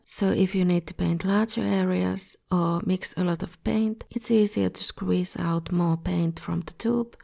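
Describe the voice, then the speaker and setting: A woman's voice: fairly low pitch, creaky, warm tone. A woman with a slightly scratchy voice, a bit under the weather, narrating an art tutorial as its host in a scripted style. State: a bit ill. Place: voice-over recording.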